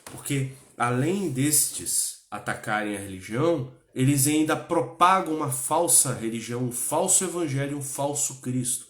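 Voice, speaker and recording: A man's voice: medium pitch, animated, unhurried, hardly any pauses, echoey room. Impassioned Brazilian man teaching religion. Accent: Brazilian Portuguese. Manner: impassioned, repetitive, frequent "né?" tags. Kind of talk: religious class talk.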